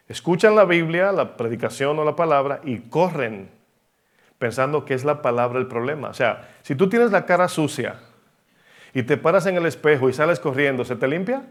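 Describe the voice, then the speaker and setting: A man preaching a sermon in Spanish-language church style, emphatic, asking rhetorical questions and varying his pace. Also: mid-range voice.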